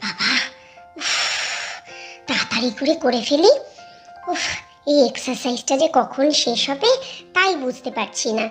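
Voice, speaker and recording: A woman's voice: high-pitched, lively intonation, measured pace, pauses often, faint music behind. A woman voicing an earnest young ghost who chatters between workout moves in a cartoon. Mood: strained. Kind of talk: cartoon voice acting.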